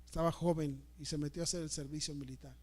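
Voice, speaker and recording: A man's voice: fairly high pitch, fairly even intonation, quick pace. A middle-aged male pastor, preaching a story-driven sermon with emotional, repetitive delivery. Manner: emotional, repeats words, dramatic swings in loudness.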